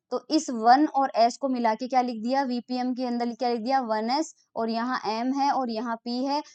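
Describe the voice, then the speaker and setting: A woman gives a physics lecture in a smooth, resonant voice pitched a little high. She walks through formulas step by step. She reads definitions slowly, then explains them again in plain terms. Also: a bit bright, no echo. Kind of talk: recorded online lecture.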